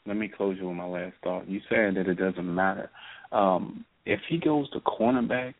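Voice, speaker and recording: A man's voice: deep voice, normal speed. A man calling in to a radio show over the phone, giving emphatic opinions in casual chat. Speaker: radio call-in caller. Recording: tinny, dry phone line.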